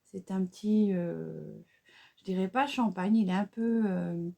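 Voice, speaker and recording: A woman's voice: medium pitch, measured pace, creaky, warm tone. A woman with a French accent chatting through a makeup tutorial, hesitant and casual, with many fillers and restarts. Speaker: beauty vlogger.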